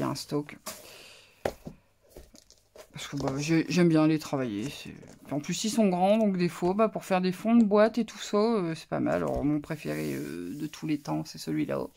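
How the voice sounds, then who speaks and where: A woman's voice: low-pitched, creaky, a little mellow, slight background noise. A woman vlogger casually showing off a craft haul, talking in a hesitant, musing way with many fillers. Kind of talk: casual show-and-tell haul.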